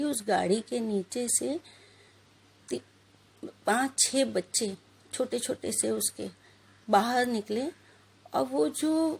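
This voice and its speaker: A woman's voice: high voice, vocal fry, darkish tone, slightly rough. A woman in her thirties giving a religious talk, telling a personal story earnestly and putting questions to her listeners. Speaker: religious speaker.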